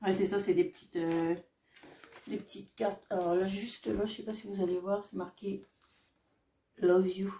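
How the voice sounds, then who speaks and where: A woman vlogger casually showing off her craft shopping haul, chatty and hesitant, often pausing on fillers as she describes each item. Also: mid-range voice, flat delivery, warm tone, distant mic, a little hiss or hum. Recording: echoey room, voice off-mic.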